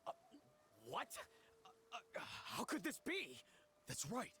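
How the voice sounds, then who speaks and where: An actor playing a flustered, disbelieving man in a martial arts game, stammering and excitable. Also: high voice, slow, a little hiss or hum, full character voice. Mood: shocked. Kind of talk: scripted game voice acting.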